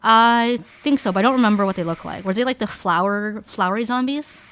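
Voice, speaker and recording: A young woman streaming, chatting casually with viewers in an animated way, filling her talk with "like" and restarting her sentences. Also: mid-range voice, brisk, slight background noise. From Canada.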